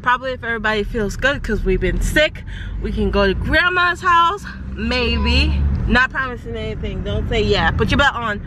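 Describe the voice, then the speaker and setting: A woman's voice: fairly high pitch, moderate pace, background noise. A Jamaican woman with a Jamaican accent, chatting and teasing as she vlogs about her family. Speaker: family vlogger. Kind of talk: casual family vlog.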